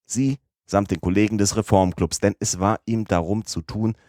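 A sly detective presses his case in a low, insistent tone, as a man reads him. The voice is deep and the recording dry and close. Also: fairly even intonation, moderate pace, dark tone, no echo, close to an everyday voice. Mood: coaxing. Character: crafty English police detective, middle-aged man, persuasive.

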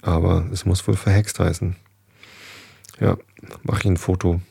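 A man's voice: low voice, little pitch movement, moderate pace, vocal fry, warm tone, slightly rough, no echo, clean studio sound. A man reading a children's book aloud in a casual way, stumbling over words and correcting himself, recorded at home on a desk microphone. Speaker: reader.

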